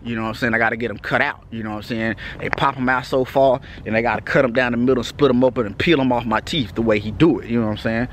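A Texas man vlogging outdoors at night gives his viewers a casual update in a loose, laid-back style, frequently saying "you know what I'm saying." He has a Texas accent and a medium-pitched, fairly bright voice with fairly even intonation. He talks fast with hardly any pauses over slight background noise.

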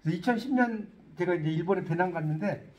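A middle-aged man lectures on English in Korean, his voice high-pitched and quick. Animated in manner, he poses questions to his students and jokes as he goes.

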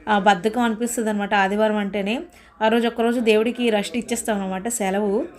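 A woman's voice: medium pitch, steady tone, fast talker, soft background music. A woman with a Telugu accent narrating her daily life at home in a casual, chatty vlog style.

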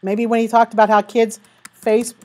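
A woman's voice: a little high, flat delivery, dark tone. Woman teacher talking students through writing. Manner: talks students through steps, reads sample sentences slowly. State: has the hiccups. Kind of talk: recorded writing lesson.

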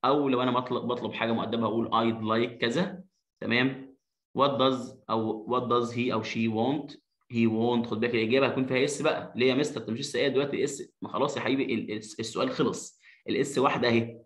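An Egyptian man teaches an English lesson at a mid-range pitch. He drills the example sentences slowly and plainly, then rushes through his explanations. His voice rings a little in an echoey room. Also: steady tone, fairly bright tone. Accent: Egyptian Arabic.

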